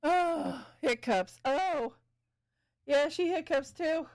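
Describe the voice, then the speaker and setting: A woman's voice: sits high, takes it slowly, a little mellow. A woman streaming live as she paints, chatting casually with viewers, thinking aloud and giggling often.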